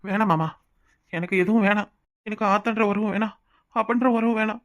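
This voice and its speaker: Hurt cartoon son, fairly high voice for a man, southern tamil village talk, keeps complaining. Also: fairly even intonation, brisk, a bit bright. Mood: hurt, resentful. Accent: southern Tamil Nadu village dialect. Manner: aggrieved, emotional complaining. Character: young married son, hurt and resentful. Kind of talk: cartoon voice acting.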